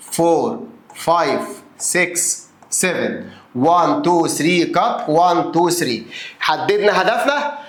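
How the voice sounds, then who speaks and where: A man's voice: sits high, fairly bright tone, roomy sound. A man with an Egyptian Arabic accent teaching a math lesson, counting places aloud and answering his own questions as if he were the pupil.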